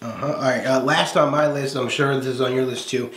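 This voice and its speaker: A man's voice: medium pitch, fairly even intonation, a little fast, fairly bright tone. A man co-hosting a casual anime chat, enthusiastic and gushing, laughing often. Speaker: co-host of an anime review show. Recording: roomy echo.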